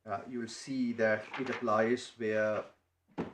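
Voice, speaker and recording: A man making a legal submission to appeal judges, halting and restarting often as he speaks. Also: on the low side, little pitch movement. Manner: halting, many restarts and repeated words. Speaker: barrister. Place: courtroom. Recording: echoey courtroom, faint noise.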